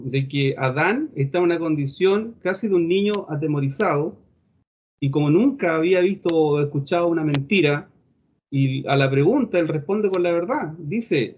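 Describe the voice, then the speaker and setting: A man's voice: on the high side, normal speed, a little mellow, highs cut off. Man teaching a preaching class. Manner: explanatory, acts out quoted preachers' tones. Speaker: homiletics teacher.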